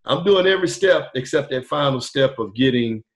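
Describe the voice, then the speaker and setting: A middle-aged man, a podcast guest, telling his story in a relaxed, rambling way with many fillers over a video call. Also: medium pitch, normal speed. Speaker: podcast guest, truck driver turned wholesaler. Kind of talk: casual storytelling interview. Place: indoor room, video call. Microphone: webcam on video call.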